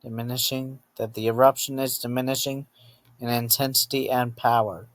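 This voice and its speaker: Reading a scripted emergency alert, a male announcer speaks in short, halting phrases and often repeats himself to rephrase. His mid-range voice has a flat delivery, and there's no echo.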